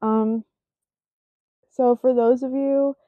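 Hosting a casual solo podcast, a woman in her twenties speaks in a high-leaning voice with a steady tone. She sounds sleepy and yawns, rambling slowly and self-consciously with many fillers, and the audio is dry with a tinny, phone-like quality.

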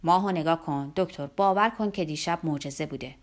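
A woman's voice: deep voice, pitched below the performer's own voice. A woman doing a genial elated older man. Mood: wistful. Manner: warm, conciliatory.

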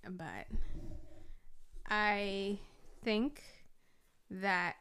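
A woman's voice: medium pitch, very slow, fairly bright tone, smooth. A young woman co-hosting a podcast in casual chat, talking freely and laughing often. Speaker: podcast co-host.

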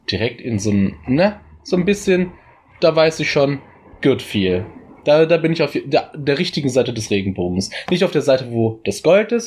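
Husky-voiced man, joking around. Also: mid-range voice, a little mellow. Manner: joking, playful, rambling asides. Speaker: podcast co-host. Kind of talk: casual podcast chat.

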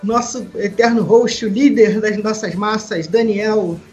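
A man's voice: high-pitched, steady tone, measured pace, a little mellow, a little hiss or hum. A Brazilian man co-hosts a football podcast in a thin, reedy voice that sounds cracked. His delivery is informal and joking, and the audio is slightly dull and lo-fi. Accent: Brazilian Portuguese. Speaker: podcast host. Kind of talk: casual football podcast chat.

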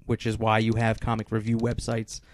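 A man's voice: fairly low pitch, completely flat delivery, brisk. A man co-hosting a casual podcast, hesitantly thinking aloud and restarting his sentences. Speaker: podcast co-host. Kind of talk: casual chat.

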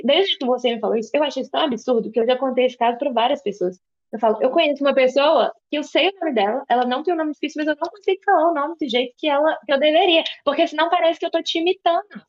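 A woman's voice: high-pitched, dull audio. Chatty woman with a Minas Gerais accent. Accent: Minas Gerais Portuguese. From interior of Minas Gerais, Brazil. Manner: chatty, rambling storyteller. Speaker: podcast co-host. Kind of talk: casual chat.

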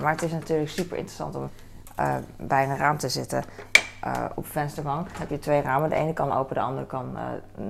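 Gravelly low-voiced woman. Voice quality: very gravelly, creaky voice. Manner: rambling, chatty, many fillers and self-corrections. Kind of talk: soft-spoken casual chat while handling objects. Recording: noisy room with clattering dishes.

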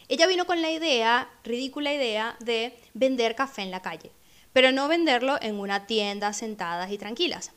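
A woman with a fairly high voice tells a personal story on her podcast in a reflective, conversational tone. She slips into the voices of the people in her memories, acting out what they said. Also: fairly bright tone. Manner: conversational, acts out remembered speech. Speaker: podcast host.

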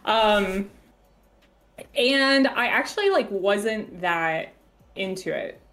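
A woman guesting on a podcast, chatting in a relaxed way and pausing often to search for words. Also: mid-range voice. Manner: relaxed, halting with fillers. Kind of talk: casual chat.

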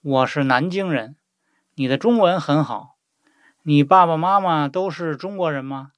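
A man's voice: fairly high pitch, a little slow, no echo, lightly acted. A man playing a courteous job candidate in a scripted language-lesson dialogue, polite and inquisitive. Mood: polite, curious.

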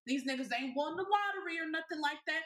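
A woman with a bright, high-pitched voice retells a movie scene in loose podcast chat. She swears freely and acts out little quoted lines as she goes. Her delivery is animated and storytelling-driven. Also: fast, roomy sound. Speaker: podcast co-host. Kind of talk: casual chat.

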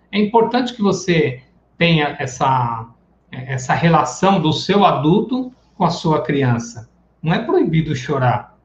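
A man with a fairly high voice teaches a live online class in a loose, chatty way and acts out little everyday scenes as he goes. The sound is roomy and echoey. The audio is dull and lo-fi. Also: a little hiss or hum. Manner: casual and chatty, acting out everyday examples. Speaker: psychoanalysis teacher.

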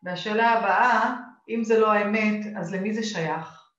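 A woman's voice: medium pitch, fairly bright tone. Israeli-accented woman coaching, echoey dull sound. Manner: emphatic, frequent checking questions. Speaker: coach and course teacher leading a live session. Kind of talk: live coaching talk, questioning and addressing listeners.

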